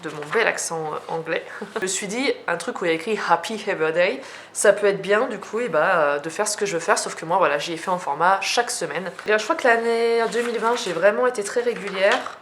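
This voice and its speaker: A woman's voice: medium pitch, fairly quick, a bit bright, slight background noise. A young French woman chatting casually as she shows her journals, talking with many fillers and restarts. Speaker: journaling vlogger. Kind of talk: casual show-and-tell.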